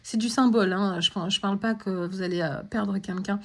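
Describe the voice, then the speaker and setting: A woman's voice: medium pitch, fairly even intonation, a little fast. A woman talking through a spiritual guidance reading, hesitant, with many fillers and restarts. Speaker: tarot and oracle reader.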